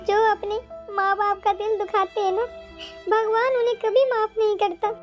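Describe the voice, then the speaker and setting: A gentle, caring older mother in a cartoon, voiced by a woman. She speaks softly in a very high voice, lamenting and giving advice. Light music plays behind a slightly dull recording. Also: flat delivery, moderate pace. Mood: advising. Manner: soft, advising, lamenting.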